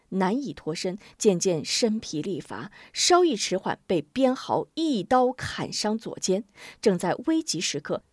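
A woman telling a martial-arts story with vivid, expressive narration. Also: mid-range voice, no room sound, clean studio sound.

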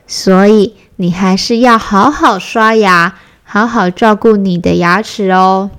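A woman voicing a warm, caring mother bear in a children's bedtime story. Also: mid-range voice, slow. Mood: gently instructive. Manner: kind, gently scolding.

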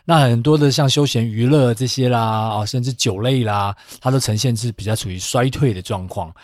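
Man, Taiwanese accent, podcast co-host, casual conversation, remote recording, mid-range pitch, dry. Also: fairly quick, a little mellow, no echo. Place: remote recording from a separate location.

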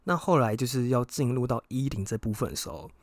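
A young man, hosting a podcast and telling a personal story casually, frank and excitable, swearing freely. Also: mid-range voice, fast, no echo. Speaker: podcast host.

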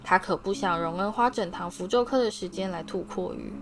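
A woman's voice: medium pitch, brisk, music in the background. Woman reading a storybook aloud. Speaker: audiobook reader. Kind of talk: storybook narration.

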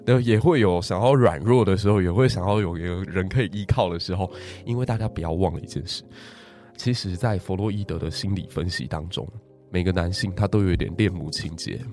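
A podcast guest with a Taiwanese Mandarin accent tells a history story in a low, fairly quick voice. He is animated and often asks the audience rhetorical questions, with soft music in the background.

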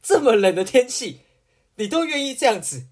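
A woman's voice: fairly high pitch, sing-song, moderate pace, noisy background. A woman, chatting casually as a podcast co-host, swearing freely, laughing often and mimicking others. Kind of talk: casual chat.

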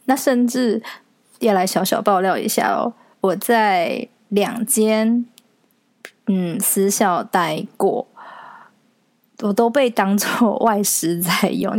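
A woman's voice: mid-range voice, no room sound. A young Taiwanese woman hosting a solo podcast, chatting casually and telling stories with a laugh. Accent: Taiwanese Mandarin. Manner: chatty, animated storytelling with frequent laughs. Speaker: podcast host.

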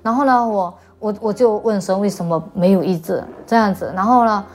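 A woman's voice: mid-range voice, a little fast, darkish tone. A woman from China telling a personal faith story in an interview, hesitant and often repeating her words. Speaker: interview guest.

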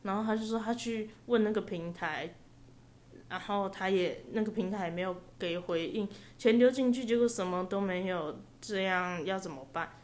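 A young woman telling a story on a podcast, lively and laughing often, on a headset mic. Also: medium pitch, normal speed. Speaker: podcast co-host. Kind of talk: casual chat, storytelling. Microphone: headset microphone.

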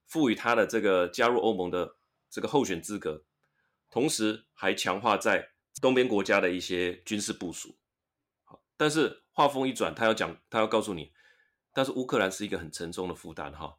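Man, fairly low pitch, podcast lesson host, explains English words, chatty tag particles. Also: a bit bright. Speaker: podcast host teaching English through news articles.

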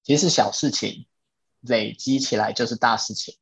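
A man's voice: mid-range voice, normal speed, gravelly, a bit bright, breathy edge, no room sound. A man hosting a casual podcast chat, patiently explaining ideas from a self-help book and repeating his key points. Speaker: podcast host. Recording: dull lo-fi, dry.

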